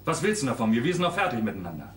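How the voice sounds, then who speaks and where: An actor playing a harried young sculptor, blunt and exasperated, recorded live on a roomy stage from a distance. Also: male voice, medium pitch, huge pitch swings, racing, slight background noise. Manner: exasperated, blunt, sometimes shouting. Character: harried young sculptor, man, curt with his ex.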